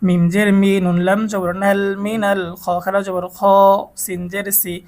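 A Bangladeshi Bengali-accented man teaches Quran reading, breaking words into letters and vowel marks before drawing each whole word out slowly. His voice sits high with a darkish tone, and he delivers it all flatly.

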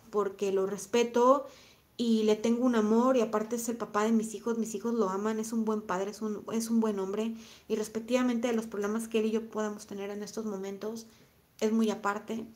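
A woman with a Mexican accent, in her thirties, talking on a live stream and answering chat comments in a reflective, soft-spoken way, often repeating her phrases. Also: medium pitch. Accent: Mexican Spanish. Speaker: vlogger reading live chat.

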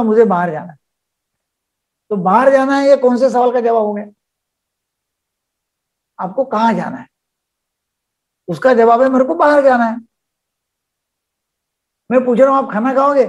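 A man's voice: very high voice, moderate pace, long pauses, lo-fi sound. An older man, a psychiatrist leading a live webinar over a video call, explaining by acting out little dialogues.

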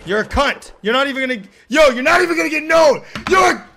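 A young man with a lisp, streaming a game live and yelling and swearing in bursts of rage. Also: extremely high pitch, animated, a little fast. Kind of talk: raging live-stream commentary.

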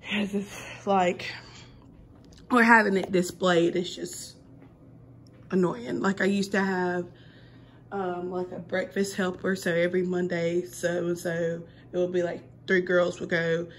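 A woman's voice: lowish voice, flat delivery, a little slow, a little hiss or hum. Chatty young woman rambling to her phone. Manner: rambling, chatty, with many ums and restarts. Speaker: kindergarten teacher and vlogger. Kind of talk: casual vlog chat.

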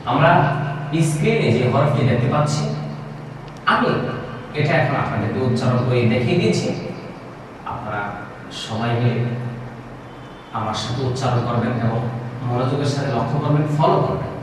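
A man's voice: mid-range voice, expressive, recorded from a distance, noisy background. Patient Bangladeshi man teaching in an echoey hall. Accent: Bangladeshi Bengali. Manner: patient, repetitive, drawn-out demonstrations of letter sounds. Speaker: Quran teacher. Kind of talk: recorded recitation lesson.

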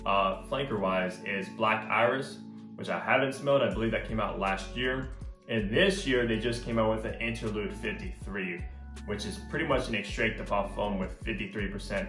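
A man's voice: fairly low pitch, normal speed, a bit bright. A man casually reviewing a fragrance with enthusiasm, often stressing words by repeating "very, very". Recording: echoey room with faint guitar music. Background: faint guitar music.

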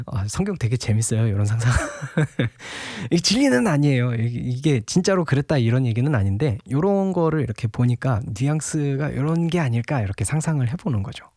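A man's voice: medium pitch, darkish tone, no echo, studio quality. A young man giving a casual devotional Bible talk, chatty and laughing often, at times acting out a scolding father.

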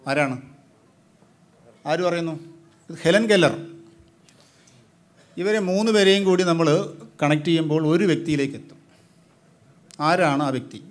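A man hosting a live quiz as quizmaster, briskly prodding the teams and questioning their answers. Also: on the high side.

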